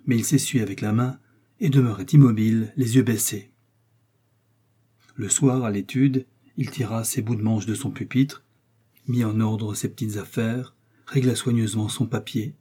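A man narrates a classic novel in a calm, measured manner. His voice sits in a middle pitch with a dark, slightly husky grain. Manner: measured, even storytelling delivery. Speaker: audiobook narrator. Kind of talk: literary audiobook narration.

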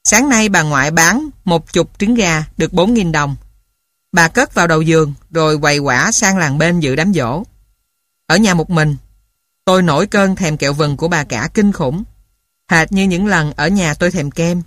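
A woman narrating a childhood story for an audiobook in a calm, even reading voice. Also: low voice, moderate pace, no room sound, studio quality.

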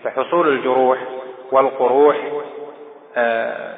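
A man teaching a lesson on a hadith, explaining terms slowly and deliberately with drawn-out pauses. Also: mid-range voice, fairly even intonation. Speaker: Islamic scholar teaching hadith. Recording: tinny, echoey old lecture recording.

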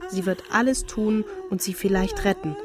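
A woman narrating as a grown daughter in a radio play, quiet, bitter and reflective as she addresses her mother. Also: medium pitch, sing-song, moderate pace, lightly acted.

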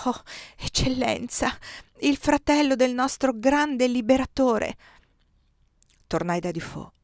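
A woman reading a novel aloud in a measured, expressive narration. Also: mid-range voice, no echo, studio quality. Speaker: audiobook reader.

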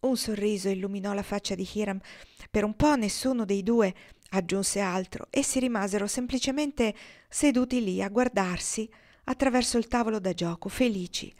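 A woman reads a novel aloud in a measured, expressive voice. Her tone sits in a middle range, neither high nor low, and she paces the narration with care. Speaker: audiobook reader. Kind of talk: literary audiobook narration.

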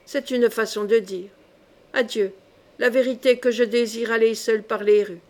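A woman voicing a proud, hungry young male knight who speaks gruffly but kindly, read in an audiobook. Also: on the high side, steady tone, normal speed, lightly acted. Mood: gentle. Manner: gruff, then gentle.

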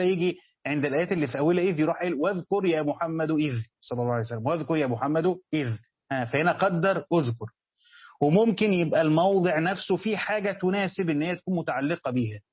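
A man with an Egyptian accent teaches Quran commentary in a slightly raised, breathy-edged voice. He repeats each key phrase and asks his students questions before answering them himself. The recording sounds muffled and low-fidelity. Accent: Egyptian Arabic. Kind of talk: classroom lecture.

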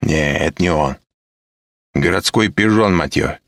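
A man's voice: sits low, a little slow, a bit bright, no echo, clean studio sound. A man reading an audiobook, voicing a surly teenage street thug who talks bluntly in swearing slang. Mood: gruff.

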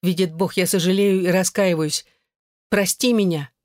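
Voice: mid-range voice, fairly even intonation, moderate pace, no room sound, clean studio sound, lightly acted. A reader voicing a remorseful young wife who pleads with her husband in an audiobook. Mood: pleading. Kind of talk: audiobook character voice.

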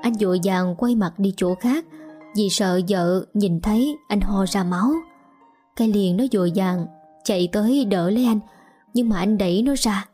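A woman narrating an audio story in a calm, even storytelling manner. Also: medium pitch, moderate pace, slightly rough, soft background music.

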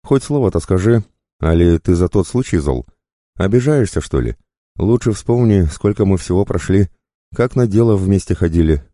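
A man's voice: low-pitched, lively intonation, normal speed, warm tone, dry recording, clean studio sound, pitched above the performer's own voice. A man voicing a wily, talkative male rogue who mocks and teases with fake cheer. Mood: jaunty teasing. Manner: jaunty, teasing, fake-cheerful.

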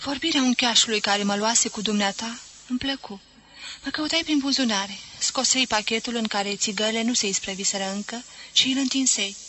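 A woman reading a novel aloud as an audiobook, in measured, even storytelling. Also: a little high, rough recording. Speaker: audiobook reader. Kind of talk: literary audiobook narration.

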